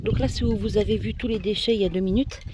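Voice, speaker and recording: A woman's voice: mid-range voice, steady tone, fast talker, dark tone. Woman gardener, chatty, winded and congested, outdoors with light wind. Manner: chatty, showing viewers around, sniffly. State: a bit out of breath, stuffy nose. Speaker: gardening vlogger. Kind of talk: casual garden vlog. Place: outdoors in a garden by a greenhouse, windy. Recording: faint wind noise outdoors.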